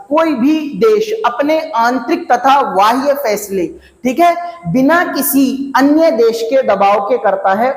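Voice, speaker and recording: A man teaching an exam prep lecture, slowly repeating key phrases to drill his students. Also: extremely high pitch. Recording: echoey classroom, long reverb.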